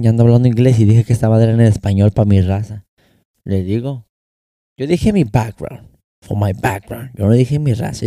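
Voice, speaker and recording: Speaking into a close podcast microphone, a young Mexican man hosts his own solo show, rambling casually in slang and switching between Spanish and English. He has a Mexican Spanish accent with some American English, and his warm, lowish voice is captured cleanly in a studio with no echo.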